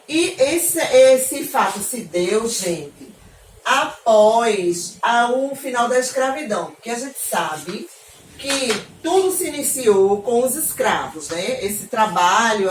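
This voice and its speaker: A woman from Northeast Brazil gives an online geography lesson to young pupils, warm in manner and often pausing to check they follow. Her voice sits fairly high and reaches the mic from a little distance, with echo in the room and faint background noise. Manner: affectionate, frequent checking questions to pupils. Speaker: teacher. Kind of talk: online class lesson for children.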